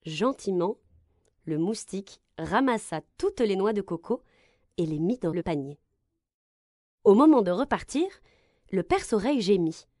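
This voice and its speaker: A woman reading a children's story aloud, with expressive, gentle narration. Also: mid-range voice, unhurried, long pauses, dry recording, studio quality.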